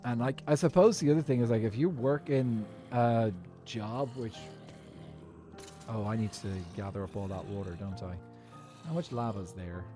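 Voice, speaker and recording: An Irish man with a Dublin accent, a streamer, rambles casually while he plays and chats through a game. His voice is medium-pitched and mellow at a moderate pace, with soft music in the background.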